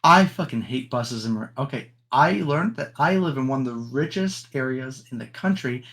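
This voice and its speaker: A man's voice: mid-range voice, lively intonation, normal speed, a bit bright. A young man from the United States co-hosting a podcast in casual chat, opinionated and rambling with frequent ums and restarts. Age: young adult. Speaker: podcast co-host.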